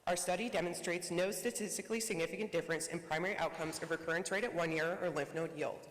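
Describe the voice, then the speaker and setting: Fast-reading presenter in a reverberant hall. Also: medium pitch, fairly even intonation, fairly bright tone, a little hiss or hum. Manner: reads quickly from a prepared script. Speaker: researcher presenting a study. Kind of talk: conference presentation. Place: conference hall. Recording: echoey conference hall reverb.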